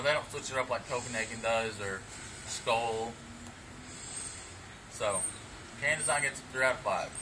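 Young man talking with a packed lip, distant mic. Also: medium pitch. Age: young adult. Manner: talking with lip full of dipping tobacco. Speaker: amateur product reviewer. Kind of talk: casual vlog review, unscripted. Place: outdoors on front steps of a brick house. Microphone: camera several feet away. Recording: distant camera mic, clear background noise.

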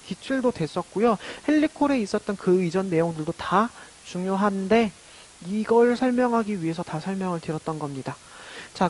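A man's voice: high voice, poor audio. A man lecturing on art education for exam preparation, explaining the material step by step and often asking a question and then answering it himself. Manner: explanatory, asks and answers his own questions.

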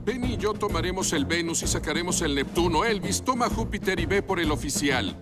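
A man's voice: high-pitched, expressive, fairly quick. A man voicing a brave, kind fireman in a Latin American Spanish children's cartoon dub, purposeful and reassuring. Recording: loud music behind.

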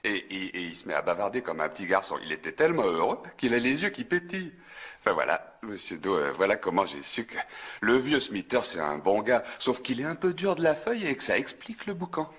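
A man's voice: lowish voice, big pitch swings, brisk, fairly bright tone, husky, exaggerated voice. An actor dubbing a talkative, nervous small-town soda fountain clerk who stumbles and restarts as he tells a story in a classic film. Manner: rambling, eager, stumbling restarts. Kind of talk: dubbed film acting.

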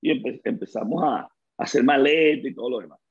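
A middle-aged man with a Venezuelan accent, a guest on an interview show, telling stories in a lively way and acting out the dialogue he quotes. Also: medium pitch, brisk, husky, muffled recording. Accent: Venezuelan Spanish. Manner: lively storyteller who acts out quoted dialogue. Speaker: guest, former baseball player. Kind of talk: casual interview storytelling.

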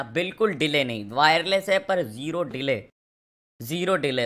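A man's voice: a little high, pushed and bright. A young man streaming a game and doing sponsored commentary, with crude, rowdy, teasing banter. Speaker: gaming streamer.

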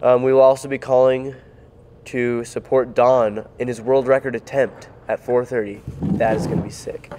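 A teenage boy reading school morning announcements, getting over a cold so his voice sits deeper, playful and jokey with sudden bursts of excitement. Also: moderate pace, noisy background. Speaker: student announcer.

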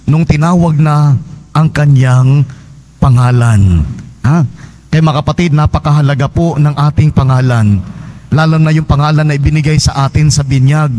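Filipino priest preaching in conversational tags. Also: male voice, on the high side, steady tone, normal speed, darkish tone. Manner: conversational preaching, frequent tag questions. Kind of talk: homily at Mass. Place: large church.

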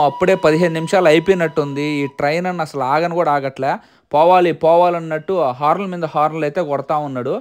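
A male travel vlogger from India talks fast and chatty, keeping viewers with him as he points things out. His voice sits high. It is recorded outdoors along a toy train journey. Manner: chatty, guiding viewers with "look here". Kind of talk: casual travel vlog narration.

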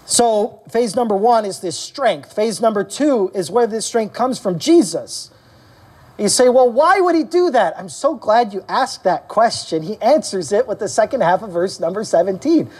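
Animated male pastor preaching a sermon. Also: moderate pace, breathy edge. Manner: animated preaching, acting out quoted voices with rising pitch; asks the congregation questions and calls for amens. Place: church service.

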